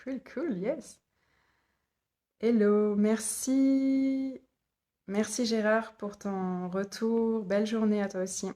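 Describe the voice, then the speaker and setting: A woman with a medium-pitched, dark voice and a steady tone takes it slowly, leaving long pauses. Hosting a casual live stream from her home office as a human design guide, she reads viewer comments aloud, repeats them, and laughs often. She uses a phone or laptop mic.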